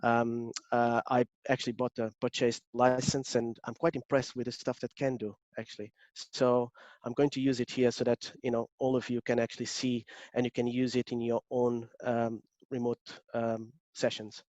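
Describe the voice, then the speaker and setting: A man's voice: mid-range voice, little pitch movement, normal speed, a little mellow, dry recording. A man from Portugal with a Portuguese accent, an agile coach giving an online workshop, hesitant with many fillers and restarts. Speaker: agile coach presenting a webinar. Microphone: video call.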